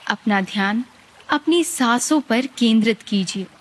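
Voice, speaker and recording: Calm and gently guiding, this female meditation teacher speaks in a slightly high register at a markedly slow pace. Long gaps separate her phrases.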